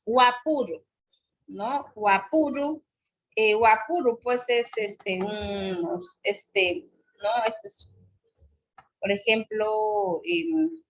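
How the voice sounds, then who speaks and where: A woman whose first language is Shipibo-Conibo, teaching a class at a slow, pausing pace and often checking in with her listeners. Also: medium pitch. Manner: slow, pausing, frequent "¿no?" tag. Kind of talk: lecture on loanwords.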